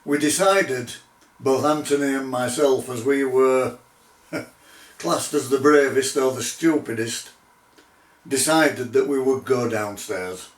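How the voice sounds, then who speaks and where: A middle-aged man telling his own paranormal investigation story in a measured, deliberate way, with pauses. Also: medium pitch. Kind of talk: unscripted spoken storytelling. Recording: roomy echo, distant microphone.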